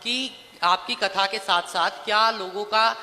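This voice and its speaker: Polite hesitant reporter guy, high bright voice, long hall reverb. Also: a little slow. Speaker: journalist. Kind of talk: questioning on the spot.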